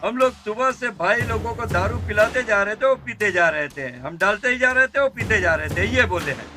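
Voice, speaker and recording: A man's voice: sits high, animated, a little fast. A man voicing a boastful, scheming male gangster in a Hindi film dub. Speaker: gang member planning. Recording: film dub with music behind.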